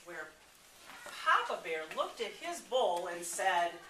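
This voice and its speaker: A woman reading a story aloud to young listeners, telling it in an expressive, animated way. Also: medium pitch, slow, background noise. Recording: echoey room, from a distance.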